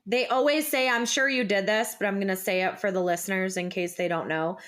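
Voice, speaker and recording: A woman's voice: medium pitch, fairly even intonation, brisk, a bit bright. A young woman co-hosting a podcast, chatting casually and offering practical tips. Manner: supportive listener, gives practical advice. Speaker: podcast co-host. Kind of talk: casual chat.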